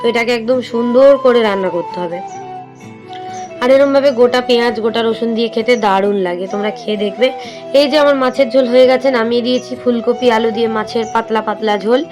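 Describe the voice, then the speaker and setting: High-voiced chatty woman vlogger. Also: fairly quick. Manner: chatty, explains cooking step by step to viewers; coaxing, sing-song talk to young children. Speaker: lifestyle vlogger and mother. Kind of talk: casual home vlog narration. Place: home kitchen. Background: background music.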